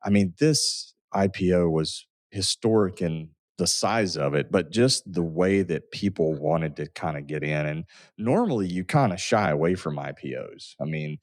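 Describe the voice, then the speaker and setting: Deep-voiced man on a talk show. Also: animated, moderate pace, no room sound, clean studio sound. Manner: loose, rambling, with many fillers and restarts. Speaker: financial advisor and radio show co-host. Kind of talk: casual radio talk show chat.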